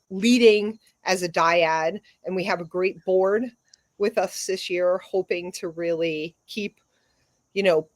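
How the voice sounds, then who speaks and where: A woman's voice: lowish voice, dry recording. A woman in her forties from Brooklyn, New York, speaking as a physician associate guest on a podcast, upbeat and friendly. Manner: upbeat, friendly, laughs easily. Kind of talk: casual interview.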